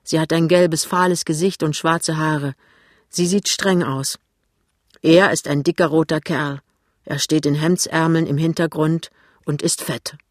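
An audiobook narrator reading a novel aloud with lively, dramatic phrasing on a close mic. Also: mid-range voice, a little slow, dry recording.

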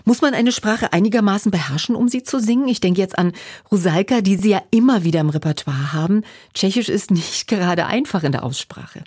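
A woman's voice: mid-range voice, lively intonation, brisk, darkish tone, breathy edge. A woman radio interviewer asking composed, well-phrased questions. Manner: composed, articulate, polished phrasing.

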